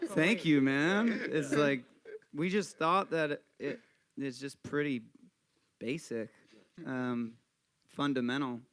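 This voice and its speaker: A man's voice: mid-range voice, takes it slowly. Chill band guy talking in an interview, lots of ums. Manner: relaxed, rambling, many fillers. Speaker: band member. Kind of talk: casual interview chat.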